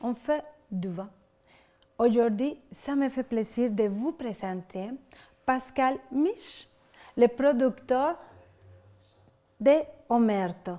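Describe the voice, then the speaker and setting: A woman's voice: on the high side, mellow. A woman presenter introducing a guest and interviewing him, giving short approving replies. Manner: slow, affirming with short responses.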